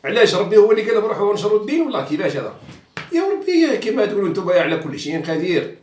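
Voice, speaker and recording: A man's voice: high-pitched, lively intonation, racing, far from the mic, slight background noise. A man with an Algerian Arabic accent gives an outspoken, mocking monologue as a journalist commentator, slipping into French and stumbling through restarts. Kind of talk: casual monologue. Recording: echoey room, away from the mic.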